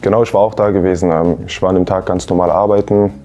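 A man in his twenties, an interview guest, giving a calm, measured personal account with frequent filler sounds, seated in a youth centre lounge. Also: low voice. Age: 20s.

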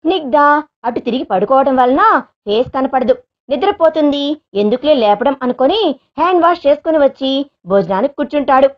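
A woman with a high voice narrates a serialized story in a steady, plain manner. The recording sounds slightly dull and lo-fi. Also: brisk.

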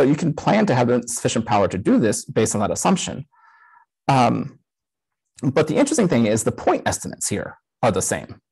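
Over a low-quality recording, a thirtysomething conference speaker talks casually on a video call through a headset while live coding. His medium-pitched voice is creaky, husky and a little mellow, with frequent "um" fillers.

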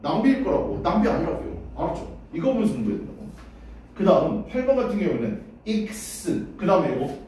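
Male English teacher, casual drilling style, high animated pitch, echoey distant room recording. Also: a little fast, slight background noise. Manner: casual, drills words aloud, asks "됐냐?" often. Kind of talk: classroom pronunciation lesson. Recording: roomy echo, voice far from the mic.

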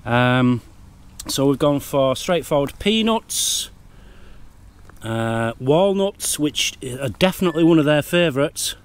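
A man's voice: on the high side, takes it slowly, clear, resonant tone. Chatty man vlogging in woods. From United Kingdom. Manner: chatty, easily excited. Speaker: wildlife vlogger. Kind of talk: casual outdoor vlog narration. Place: woodland outdoors.

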